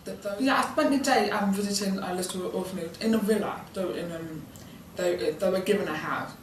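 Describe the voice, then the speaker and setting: Her medium-pitched voice moves fairly quickly as this nineteen-year-old British student intern gives informal interview answers. British Sign Language is her first language, and she hesitates and rambles with plenty of ums and likes. It was recorded with a distant mic in an echoey, noisy room.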